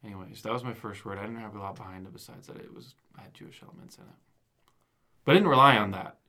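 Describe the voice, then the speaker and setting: A young man with a bright, forward voice co-hosts a relaxed movie review show. He talks playfully with his partner and laughs often. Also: on the low side, fast. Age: young adult. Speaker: podcast co-host. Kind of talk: casual movie review chat.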